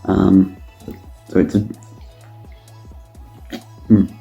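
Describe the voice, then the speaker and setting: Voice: sits low, completely flat delivery, very slow, creaky, mellow, lo-fi sound, faint music behind. A casual tasting review, the speaker thinking aloud with many ums and restarts while trying a drink. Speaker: drinks taster reviewing canned cocktails.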